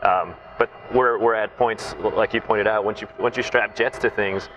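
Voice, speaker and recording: A middle-aged man from Taiwan, raised in Southern California, is a naval flight test officer appearing as an interview guest. He explains technical ideas calmly and thoughtfully, often checking in with "right?". His voice is lowish at a normal speed, and the recording is muffled.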